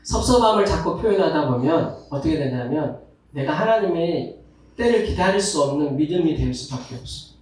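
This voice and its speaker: A male pastor preaching a Sunday sermon, lively, acting out whining voices to make his points. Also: a little high, normal speed, a little hiss or hum. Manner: animated, acts out complaining voices with sighs. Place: church sanctuary. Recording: echoey sanctuary from far off.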